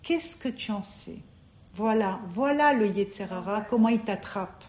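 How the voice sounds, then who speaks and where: A woman's voice: medium pitch, unhurried, a little mellow. A woman teaching a religious class to a group of women, emphatic and asking and answering her own questions. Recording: dull lo-fi recording.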